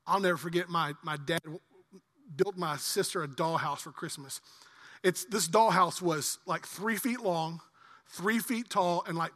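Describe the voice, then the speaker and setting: Pastor guy preaching, goes loud then drops real quiet, bright voice, church echo. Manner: animated, swings from loud emphasis to quiet low asides. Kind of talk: sermon.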